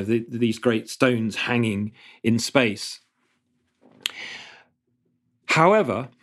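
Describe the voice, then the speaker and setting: A man's voice: mid-range voice, a bit bright. Thoughtful man explaining archaeology. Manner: thoughtful, halting restarts then fluent explanation. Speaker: archaeologist guest. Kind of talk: explanatory interview answers.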